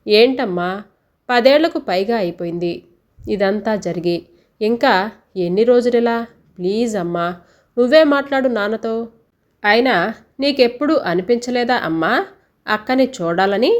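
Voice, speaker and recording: A woman voicing a gentle young adult daughter who coaxes and pleads earnestly. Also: a little high, animated, normal speed, pauses often, lightly acted. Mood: pleading. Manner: earnest, coaxing.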